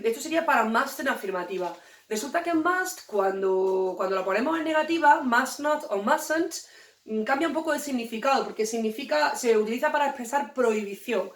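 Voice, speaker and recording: A woman's voice: fairly high pitch, animated, normal speed, recorded from a distance. A woman teacher, explaining English grammar to students in a playful, joking way. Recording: echoey room, voice away from the mic.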